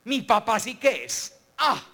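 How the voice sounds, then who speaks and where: Brief: man playing a worried little boy, high, whiny voice, fears every disaster. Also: sing-song, slow, sharp tone, heavily acted. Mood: anxious whining. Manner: anxious, catastrophizing, whiny. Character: fretful pessimistic little boy.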